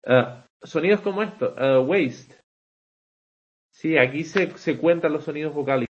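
Guy teaching a class online, keeps tossing in "vale", kinda high voice, dull lo-fi call audio. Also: fairly quick. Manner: conversational, checks in with frequent rhetorical "vale", hesitant restarts. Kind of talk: online class explaining English poetic meter.

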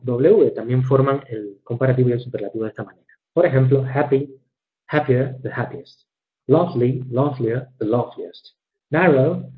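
A man teaching English grammar in a recorded lecture, measured and methodical, slowing down to read examples and correcting himself with fillers. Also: mid-range voice. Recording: dull lo-fi recording.

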